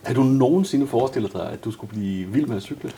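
Mellow-voiced male interviewer. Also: mid-range voice, a little hiss or hum. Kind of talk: reading viewer questions in an interview.

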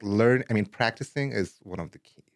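A young Afghan man guests on a casual interview, relaxed and laughing easily, peppering his speech with "like, you know." His fairly low voice is brisk, captured dry and clean in a studio.

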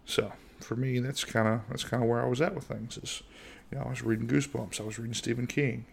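Here a middle-aged U.S. man hosts a casual podcast alone, droning in a monotone and rambling with frequent fillers and restarts. His mid-range voice carries vocal fry and a breathy edge, and his pace is quick.

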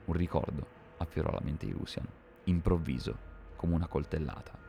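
A man reading a dark fantasy story aloud in a measured, dramatic scripted narration. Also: extremely low pitch, vocal fry, slight background noise.

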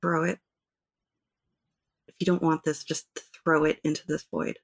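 A tabletop player voicing an earnest female hero who coaxes with gentle, pleading questions. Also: medium pitch, flat delivery, unhurried, gravelly, slightly rough. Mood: coaxing, earnest.

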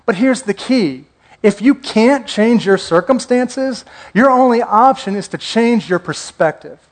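A male pastor preaching a conversational sermon, joking and asking the congregation questions. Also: high-pitched.

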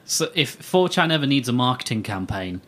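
A man's voice: mid-range voice, sing-song, brisk, a bit bright. A man co-hosting a podcast, making sarcastic jokes in casual chat. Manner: joking, sarcastic asides. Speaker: podcast co-host.

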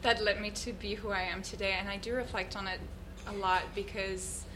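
A woman's voice: medium pitch, steady tone, brisk, background noise. A woman, a guest on an interview show, earnestly reflecting on her life and now and then searching for words. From Switzerland. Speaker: guest, yoga teacher. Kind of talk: reflective personal storytelling.

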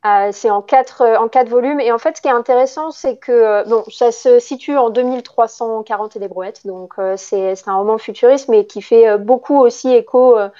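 A woman's voice: fairly high pitch, normal speed, few pauses, warm tone, lo-fi sound. A woman co-hosting a casual book podcast, explaining at length with many hesitations. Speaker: podcast co-host. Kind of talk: casual chat about books.

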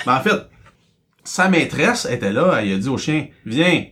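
A man with a Quebec French accent co-hosting a casual podcast, telling a story with rising questions and quick asides. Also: medium pitch, big pitch swings, a bit bright. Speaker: co-host.

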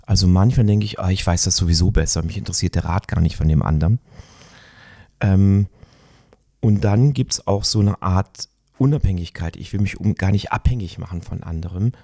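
A middle-aged man talking reflectively in a conversation, searching for words and often pausing with fillers. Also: deep voice, gravelly, mellow, no echo, clean studio sound. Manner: thoughtful, searching, with many fillers.

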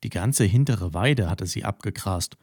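Male storybook narrator, expressive and slow, low warm tone. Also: no room sound, studio quality.

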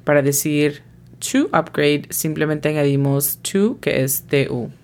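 A woman with a low voice leads a scripted language lesson at an unhurried pace. She is patient and spells out every pronunciation letter by letter. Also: darkish tone. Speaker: English teacher and host.

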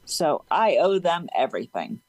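A woman's voice: sits low, very animated, normal speed, a little mellow, no echo, poor audio. A woman speaking as an interview guest in a casual conversational way, open and chatty, with a slight slur and a tendency to laugh. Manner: slight slur in her speech. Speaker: interview guest, support group leader.

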